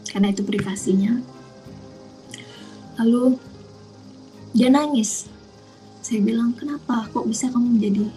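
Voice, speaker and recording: A woman tells her personal testimony in an earnest storytelling way, acting out both sides of a conversation. Her voice sits a little high but sounds mellow and dark, with a gravelly fry running through it. Faint music plays underneath. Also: low-quality recording. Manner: earnest, retells dialogue in quoted exchanges. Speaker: testimony speaker.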